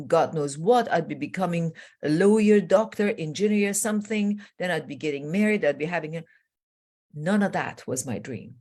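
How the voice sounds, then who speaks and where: A lower-pitched, darkish voice belongs to an emphatic Iranian woman in her sixties. She's a transformation coach guesting in a conversation, recounting personal stories in a declarative style and repeating key phrases.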